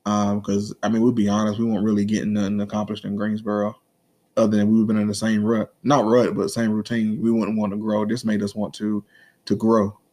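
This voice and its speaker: A man's voice: lowish voice, monotone, fairly quick, dark tone. A man, co-hosting a podcast in loose, profane, joking casual chat and slurring his words. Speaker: podcast co-host, comedian.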